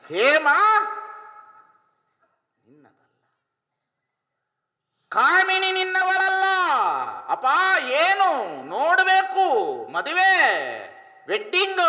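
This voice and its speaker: A man with a North Karnataka Kannada accent, preaching a sermon through folksy stories and rhetorical questions. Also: extremely high pitch. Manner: animated storytelling with rhetorical questions. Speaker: spiritual preacher. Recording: echoey hall.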